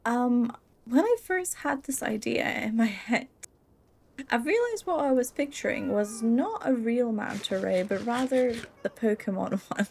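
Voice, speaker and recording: A woman's voice: on the high side, lively intonation, a little slow, creaky, a little mellow, husky. Giggly young woman rambling over gameplay. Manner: giggly, rambling and self-deprecating. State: tired. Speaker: Minecraft let's play creator. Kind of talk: casual gameplay commentary.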